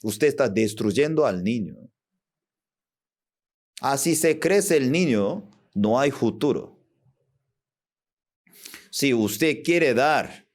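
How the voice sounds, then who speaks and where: A man preaching a sermon as pastor, in with broken grammar, acting out short quoted voices of mothers and children. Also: mid-range voice. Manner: non-native Spanish with broken grammar.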